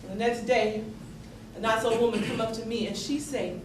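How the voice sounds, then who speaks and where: Recorded from afar in an echoey, noisy indoor theatre, a woman acts out the story of an earnest young Southern enslaved woman, using a Southern accent. Her fairly high voice keeps a fairly even intonation and stays close to an everyday one, while her earnest, determined telling is folksy, emphatic and halting, with dramatic swells. It's a theatrical monologue of 19th-century period storytelling by a stage actor.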